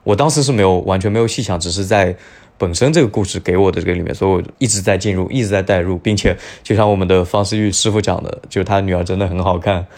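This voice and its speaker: A man's voice: low-pitched, steady tone, fast talker, a little mellow. A man co-hosting a podcast, chatting casually about films in a thoughtful, rambling way with frequent restarts. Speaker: podcast co-host. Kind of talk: casual film chat.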